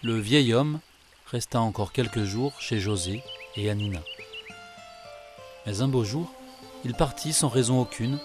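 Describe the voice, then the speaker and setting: A man narrating a children's tale in a calm, measured way. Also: medium pitch, music in the background. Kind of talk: storybook narration.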